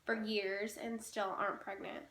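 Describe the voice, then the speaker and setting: A woman's voice: medium pitch, flat delivery, a little slow, fairly bright tone, slight background noise. A woman in her twenties chatting casually and teasingly in a home vlog. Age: 20s. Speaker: vlogger. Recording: echoey room.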